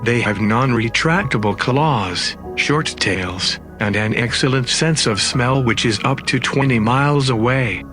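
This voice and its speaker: A man's voice: medium pitch, unhurried, few pauses. A man reading scripted narration in the manner of a nature documentary. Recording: music under the voice. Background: background music.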